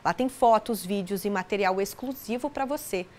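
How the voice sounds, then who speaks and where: A woman's voice: mid-range voice, normal speed, noisy background. A woman in her thirties presenting a local news bulletin in a studio, upbeat and friendly.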